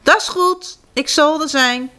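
A woman voicing a shy young male creature with a tail in a storybook, speaking brightly and eagerly. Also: high-pitched, takes it slowly, voice pushed up, exaggerated voice.

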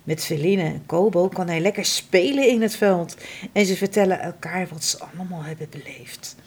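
A woman reading a children's storybook aloud in an expressive, dramatic way. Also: lowish voice, moderate pace, breathy edge.

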